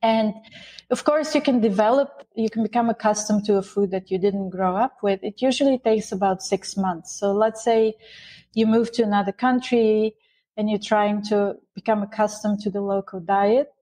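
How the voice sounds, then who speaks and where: A woman from Bulgaria, a guest author, explaining ideas in an interview with lively, restarting phrasing. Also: medium pitch, moderate pace. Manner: explanatory, animated, with frequent restarts. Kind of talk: interview conversation.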